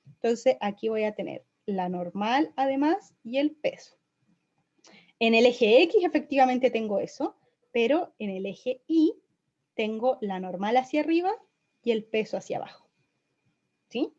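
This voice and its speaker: A young woman lectures on physics with a slightly high voice, explaining each step patiently and checking in with "¿sí?" every few lines. Her recording sounds dull and a bit lo-fi, like a home lesson video. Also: animated, a little slow, pauses often, a little mellow. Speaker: physics teacher.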